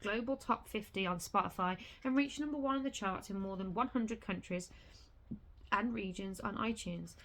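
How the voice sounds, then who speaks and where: A woman reading a booklet aloud in a casual vlog, stumbling over words and breaking off to swear. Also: mid-range voice. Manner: reads haltingly with restarts and swears in sudden outbursts. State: has the hiccups.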